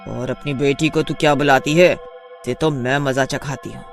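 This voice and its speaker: A man voicing a harsh, bossy witch daughter-in-law in a kids' storybook, shouting scornful threats. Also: medium pitch, fairly even intonation, normal speed, vocal fry, faint music behind, natural voice. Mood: bossy, threatening. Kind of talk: storybook voice acting.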